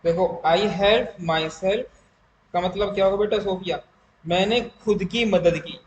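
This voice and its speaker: A man teaches English grammar to an online class, drawing out each English word very slowly. His voice sits high for a man. The room is echoey, with a faint hiss behind him. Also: highs cut off.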